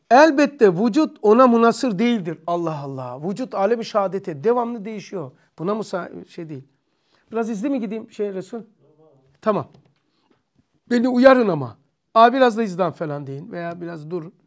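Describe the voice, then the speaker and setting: Man musing through a religious lesson. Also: very high voice. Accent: Turkish. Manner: musing, asks himself questions aloud. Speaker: religious study teacher.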